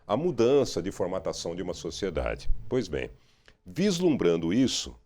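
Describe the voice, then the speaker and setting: A middle-aged man, a radio and TV journalist, speaking in a relaxed, reflective interview, often ending phrases with a questioning tag. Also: deep voice, moderate pace. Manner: reflective, frequent "né?" tags.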